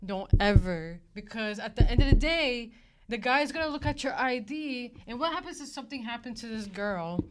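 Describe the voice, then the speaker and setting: A woman co-hosting a casual podcast, telling stories in an animated way and acting out both sides of the dialogue. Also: a little high, normal speed, slight background noise. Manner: animated storyteller, acts out dialogue. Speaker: podcast co-host. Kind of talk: casual chat.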